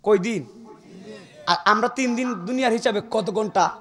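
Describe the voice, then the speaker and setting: A man with a Sylheti Bengali accent preaching a sermon, swinging between shouts, chanting and joking asides. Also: high voice, normal speed. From Bangladesh.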